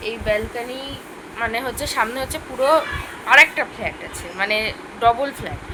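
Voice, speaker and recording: A young woman, chatting casually to viewers in a home cooking vlog, speaking softly at times. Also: fairly high pitch, fairly quick, noisy background. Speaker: vlogger. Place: home balcony and kitchen.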